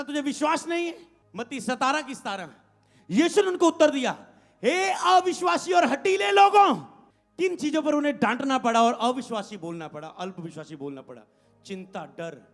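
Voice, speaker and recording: A man, a pastor delivering a sermon who breaks into loud rebukes and drops to soft asides. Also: extremely high pitch. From India.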